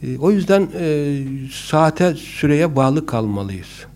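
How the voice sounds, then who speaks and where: A man gives a relaxed, instructive talk on public speaking, keeping it conversational with humorous asides and lots of hesitant fillers. His fairly high voice swings widely in pitch, is slightly mellow, and moves slowly. There's a little background noise.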